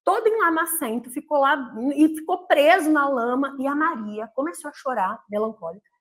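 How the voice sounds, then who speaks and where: A middle-aged Brazilian woman talking about faith and her children's temperaments, telling animated family stories and acting out her kids' voices. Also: sits high, moderate pace. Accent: Brazilian Portuguese. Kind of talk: casual spoken talk, livestream.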